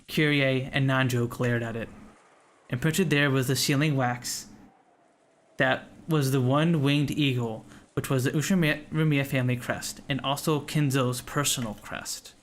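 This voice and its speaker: A man's voice: mid-range voice, slight background noise. A man reading visual novel narration aloud as the narrator of a game playthrough.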